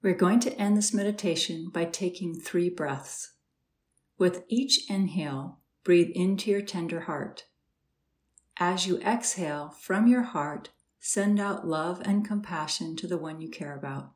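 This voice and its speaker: A woman guiding a slow, soothing meditation with gentle instructions and long pauses. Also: fairly low pitch. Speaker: meditation guide. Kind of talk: guided meditation.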